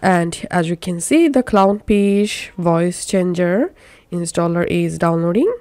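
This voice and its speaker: A woman gives plain, step-by-step instructions in a software tutorial, speaking slowly and deliberately in a lowish voice. The recording sounds close and dry.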